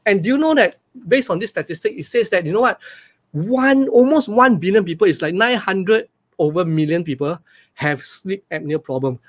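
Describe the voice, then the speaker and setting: A man in his forties with a Malaysian English accent, giving a live webinar from a small room over a webcam and talking in an energetic, repetitive way with lots of questions to the audience. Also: high-pitched. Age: 40s. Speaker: online business coach. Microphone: webcam on a video call.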